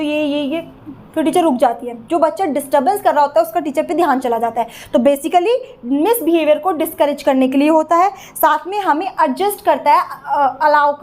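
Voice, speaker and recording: Her voice is high-pitched with a darkish tone: a young Indian woman, Indian accent, explaining material in an exam-prep lecture. She often pauses to check in with her students.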